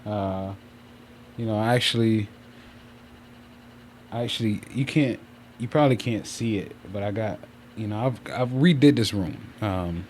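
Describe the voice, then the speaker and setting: Rambling male streamer over clear fan noise. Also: lowish voice, unhurried, long pauses, a little mellow. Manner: rambling, circles back and repeats himself. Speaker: streamer hosting a channel. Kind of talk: casual livestream chat. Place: room at home. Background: fan running.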